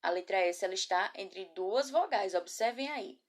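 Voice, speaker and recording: A woman teaching a children's class from a camera, patient and affectionate, asking guiding questions and sounding words out slowly. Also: mid-range voice, lively intonation. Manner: patient, slow syllable-by-syllable spelling. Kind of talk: remote class lesson. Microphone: laptop or phone camera.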